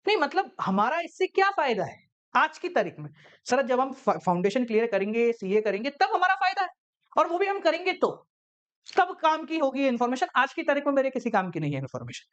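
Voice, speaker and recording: A man's voice: extremely high pitch, very animated, a little fast, fairly bright tone, dull audio, exaggerated voice. A man acting out a skeptical young male student who whines and questions why he should care. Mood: dismissive.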